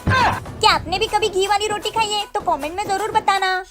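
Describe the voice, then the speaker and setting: A woman's voice: extremely high pitch, steady tone, moderate pace, over loud music. A woman acting out comic family skits and asking viewers to comment, in a chatty, playful way. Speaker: skit creator and narrator.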